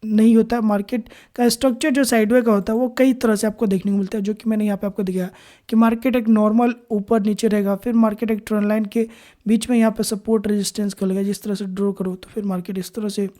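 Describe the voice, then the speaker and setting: Woman walking thru trading charts, mellow low-key tone, lots of uh and restarts, mixed w words. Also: flat delivery, fast talker. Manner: explains step by step, many fillers and restarts. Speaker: trading teacher. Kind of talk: screen-recorded chart lesson.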